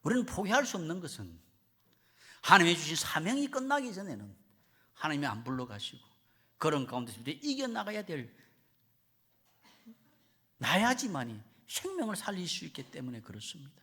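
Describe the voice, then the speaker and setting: A man preaching a sermon as a visiting missionary, his pitch swinging widely as he speaks. He tells stories with lively, animated delivery and acts out quoted voices. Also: a little fast, pauses often, breathy edge.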